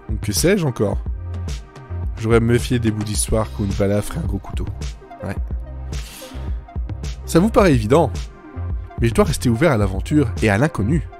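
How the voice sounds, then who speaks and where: In a comic audio fiction, a man plays a bewildered, sarcastic storyteller stranded inside his own wild ideas, rambling in first person, interrupting himself and speaking to the listener. His mid-range voice is lightly acted, animated and wary, over a music bed.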